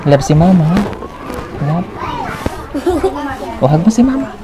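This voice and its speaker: A woman's voice: fairly low pitch, lively intonation, unhurried, crowd noise. A woman from the Philippines vlogging as she hands out aid, talking in a coaxing, motherly way and laughing easily. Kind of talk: casual on-camera chat.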